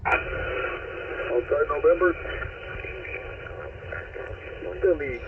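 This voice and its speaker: A man's voice: fairly high pitch, fairly even intonation, takes it slowly, vocal fry. Man on a radio signal cutting in and out. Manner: terse, spells letters in phonetic alphabet. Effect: radio signal cutting in and out, garbled. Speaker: amateur radio operator calling in. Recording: tinny, noisy ham radio reception.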